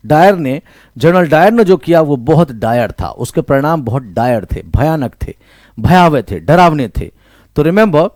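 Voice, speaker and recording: In this online vocabulary lesson, a man with an Indian English accent repeats every word and tests the listener, blending Hindi phrases into his English. The voice is a little high with a darkish tone, captured cleanly in a studio with no room sound.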